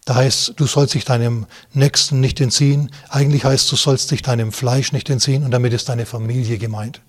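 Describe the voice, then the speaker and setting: Husky-voiced man preaching a sermon. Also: mid-range voice, fairly even intonation, fairly quick. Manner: reads Bible verses aloud and explains them, addressing listeners directly; rhetorical questions and asides to the congregation. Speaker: pastor.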